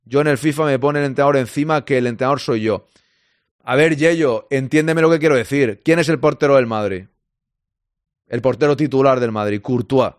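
A man's voice: mid-range voice, brisk, no echo. Man from Spain, football stream host: chatty, responsive to chat, dry close sound. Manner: chatty, reads out and answers listener comments. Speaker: podcast host reading listener chat.

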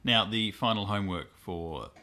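A man in his thirties co-hosts a podcast in laid-back chat. He has a very low voice and mostly drops in brief, dry remarks. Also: normal speed, pushed and bright. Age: 30s. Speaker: podcast co-host. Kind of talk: casual chat.

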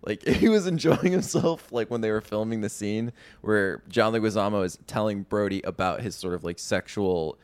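A laid-back man with a lowish voice chats casually on a movie podcast. He swears freely and laughs often. The sound is close and dry, with no room in it. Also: normal speed, few pauses, clean tone, dry recording. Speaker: podcast co-host.

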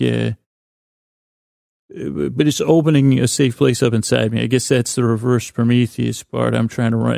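Talking softly to his listeners, a podcast host meanders through a calming bedtime monologue, pausing, doubling back and cutting himself off. His voice is deeply creaky and gravelly yet mellow and soft-edged, the intonation flat and lulling, in a close, dry recording.

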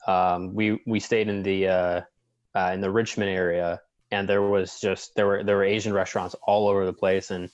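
A man chatting casually with a fairly low voice. He stumbles and repeats himself as he talks. The recording sounds dull and lo-fi, with a dry close feel. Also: little pitch movement, dry recording. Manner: halting, repeats words often. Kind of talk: casual chat.

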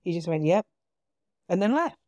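A woman with a British accent, a podcast guest, telling her story in a casual, animated way with quoted dialogue. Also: low-pitched, normal speed, dry recording. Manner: animated retelling with quoted dialogue, frequent laughs.

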